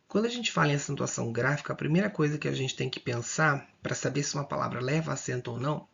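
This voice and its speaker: Male teacher, gravelly voice, slow repetitive exam-prep explainer. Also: a little high, lo-fi sound. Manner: explains slowly and repeats, drawing out words, checking in often. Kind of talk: exam-prep grammar lesson.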